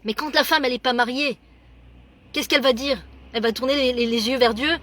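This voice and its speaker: A middle-aged woman telling a story in a lively monologue, acting out the voices of the people in it and often repeating words. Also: high-pitched, brisk. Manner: animated, acts out dialogue, many repeated words. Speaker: religious speaker.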